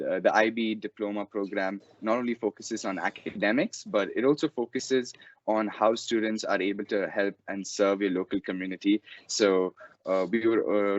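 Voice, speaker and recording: A man's voice: lowish voice, no room sound. A teenage boy from Dubai, a student guest, speaking politely with many "you know"s. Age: teens. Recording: dry lo-fi call audio.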